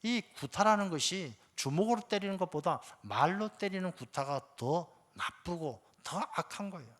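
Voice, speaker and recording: A man's voice: sits high, lively intonation, normal speed, a bit bright. A male pastor preaching a sermon in a conversational, emphatic way, speaking straight to the congregation and repeating his key points. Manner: conversational, addresses the congregation directly.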